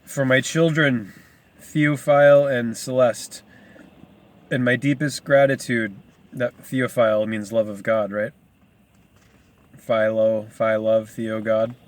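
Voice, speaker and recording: A man's voice: medium pitch, fairly even intonation, slow, pauses often. A man casually reading a book aloud, rambling into asides and stumbling over hard names. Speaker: reader.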